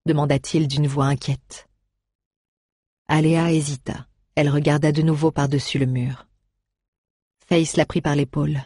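A woman reading a fantasy story aloud in a measured, expressive way. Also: low voice, no echo, studio quality. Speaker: audiobook narrator. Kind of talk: scripted storybook narration.

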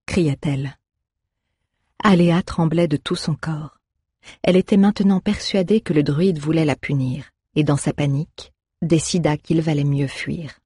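Brief: steady storybook narrator, breathy, mid pitch. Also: no room sound, clean studio sound. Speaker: audiobook narrator.

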